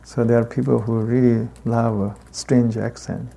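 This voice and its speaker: A Buddhist teacher gives a dharma talk in a heavy Tibetan accent, his native tongue, pausing at length between halting, deliberate phrases. His medium-pitched voice is level, creaky, and mellow.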